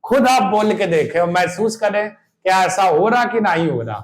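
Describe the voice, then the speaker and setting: A man teaching a Hindi grammar lesson for exam prep. He demonstrates vowel sounds, repeats the key terms, and keeps asking "clear?" before answering his own questions. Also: high-pitched, expressive, normal speed, echoey room. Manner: asks questions and answers them himself, checking "clear?".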